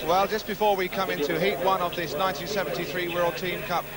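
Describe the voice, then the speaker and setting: A man's voice: high-pitched, little pitch movement, fast, over a noisy crowd. A man presenting and commentating on live speedway in punchy, colourful broadcast patter. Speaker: television sports commentator. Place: outdoor stadium commentary position. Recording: 1970s outdoor stadium TV broadcast.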